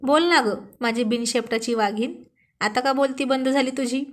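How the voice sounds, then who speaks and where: A woman's voice: high voice, moderate pace, close to an everyday voice. A woman doing a teasing young husband. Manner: teasing, mock-scolding.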